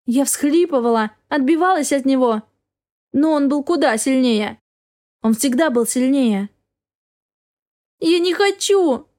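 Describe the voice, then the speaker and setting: A woman's voice: high-pitched, measured pace, darkish tone. A woman narrating a first-person story as an audiobook reader, with an intense, dramatic delivery.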